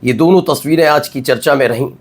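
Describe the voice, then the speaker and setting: A man's voice: a little high, husky. Emphatic male news anchor. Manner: emphatic, rhetorical questions, drawn-out pauses. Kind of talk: Hindi news commentary.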